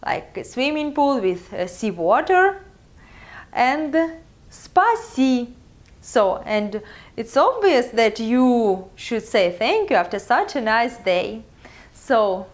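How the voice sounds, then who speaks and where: Slow, lively Russian-accented woman teacher. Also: fairly high pitch. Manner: many filler pauses, drawn-out teaching pace. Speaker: language teacher. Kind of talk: slow, careful video lesson.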